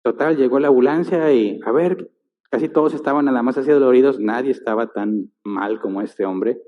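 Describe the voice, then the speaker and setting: A man's voice: medium pitch, brisk. A male pastor, telling a story in a sermon and acting out the sounds and voices in it. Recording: tinny sound in a reverberant church hall.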